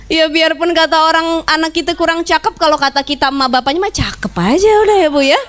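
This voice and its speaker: A woman's voice: high voice, quick pace, a bit bright. A young woman preaching a chatty, joking sermon to a women's gathering, laughing often and acting out the people she quotes. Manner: acts out quoted voices. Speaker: Islamic preacher.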